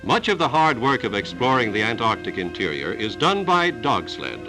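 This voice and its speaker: A man narrating an old newsreel in a measured, declarative announcer delivery. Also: mid-range voice, very animated, low-quality recording. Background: music score.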